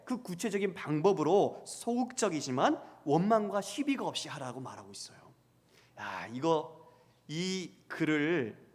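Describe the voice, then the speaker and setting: Pastor preaching in an echoing hall. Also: male voice, fairly high pitch, darkish tone. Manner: asks the congregation questions and acts out quoted voices. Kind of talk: sermon. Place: church sanctuary. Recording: long church hall reverb.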